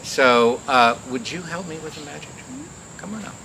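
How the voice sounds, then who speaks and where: Fairly high-pitched, expressive and creaky, this man's voice carries through a speaker from a live mic at an outdoor community garden event. Hosting the show, he welcomes the crowd and rambles through magician's patter in a halting, casual manner, amid heavy outdoor noise.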